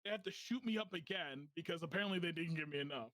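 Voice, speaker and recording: High-voiced man telling a story. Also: quick pace, crowd noise. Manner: animated, laughing while telling a story. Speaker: podcast host. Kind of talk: casual storytelling.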